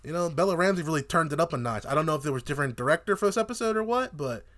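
A man's voice: fairly high pitch, racing. A young man co-hosting a podcast, ranting in casual, profane, joking TV review chat. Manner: animated, profane, joking rants. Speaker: podcast co-host.

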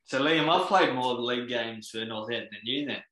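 A man's voice: medium pitch, fairly quick, fairly bright tone. An Australian man co-hosting a casual podcast with teasing banter, recorded with a roomy echo. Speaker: podcast co-host. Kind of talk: casual chat. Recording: roomy, echoey sound.

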